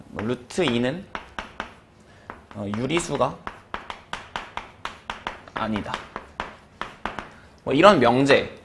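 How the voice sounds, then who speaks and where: A man teaching math in a relaxed, rambling lecture, full of fillers and small chuckles. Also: mid-range voice, a little hiss or hum. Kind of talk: casual lecture.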